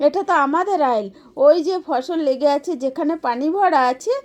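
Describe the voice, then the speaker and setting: A woman voicing a poor farmer husband, nervous at first and later gleeful, who talks in excited exclamations. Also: high voice, moderate pace. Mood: alarmed.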